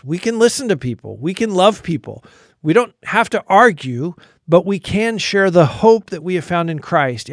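A man's voice: high-pitched, dry recording, clean studio sound. An American man hosting a radio program, reading a scripted sign-off in an earnest, polished way. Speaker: radio host.

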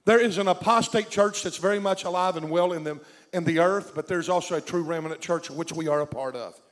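A man with a Southern US accent preaches in emphatic, punchy phrases. His pitch is on the high side, and the long reverb of a large hall trails his words. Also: brisk. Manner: emphatic, short repeated phrases. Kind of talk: sermon.

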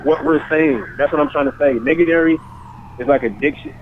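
A man calling in over the phone, talking in a casual, halting way that repeats words and leans on fillers. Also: on the high side. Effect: heard over a phone line. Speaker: caller pitching his book. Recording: tinny phone line with faint hiss.

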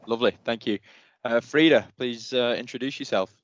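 A man hosting a panel podcast, introducing guests with polite, brisk remarks. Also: mid-range voice. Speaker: podcast host.

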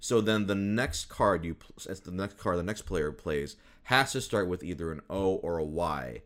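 A man hosting a podcast, talking casually and rambling with frequent laughs. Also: sits low. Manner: relaxed, rambling, laughs often. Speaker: podcast host. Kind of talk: casual chat.

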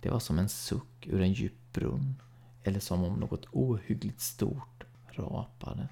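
Gravelly, dark-voiced male horror reader. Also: lowish voice. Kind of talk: scripted horror short-story reading.

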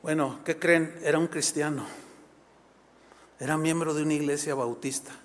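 High-voiced preacher in a big hall. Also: male voice, moderate pace. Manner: animated storytelling, emphatic. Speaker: pastor. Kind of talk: sermon. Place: church. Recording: long reverb in a church hall.

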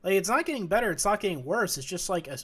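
Halting young man in casual sports chat. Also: high voice, big pitch swings, fairly bright tone, husky. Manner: halting, many restarts and fillers. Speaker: podcast co-host.

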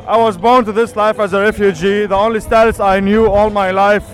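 Brief: earnest young man from lebanon, high monotone voice, outdoors with faint music. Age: 20s. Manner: halting, earnest. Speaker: refugee interviewed at a march. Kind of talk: street interview. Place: outdoors at a street march.

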